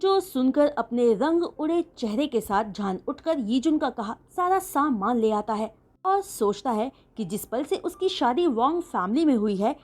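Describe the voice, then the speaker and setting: A woman narrates a fan-written romance story with a fairly high voice. Her telling is animated and dramatic, with her pitch rising and falling freely as she builds each moment. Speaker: fanfiction storyteller. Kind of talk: retelling a romance story in Hindi.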